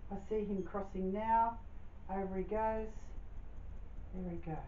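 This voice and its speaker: A woman's voice: medium pitch, fairly even intonation, unhurried, dark tone. A woman, a medium leading a spirit rescue, talking in a soothing, coaxing way and repeating herself. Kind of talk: live commentary during a house clearing. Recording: echoey room, far from a dull mic, faint hiss.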